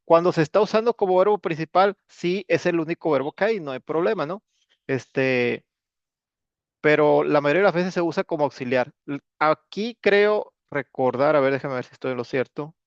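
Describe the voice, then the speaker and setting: A man's voice: a little high, moderate pace, no room sound, lo-fi sound. Casual man teaching English. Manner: casual, joking, with many fillers. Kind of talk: recorded class explanation.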